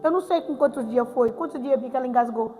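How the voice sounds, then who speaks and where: An older woman, high-pitched, speaks in an emotional church testimony and repeats her phrases as she pleads. Her voice rings through a long church reverb, with soft music underneath. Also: fast talker. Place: church hall with music behind.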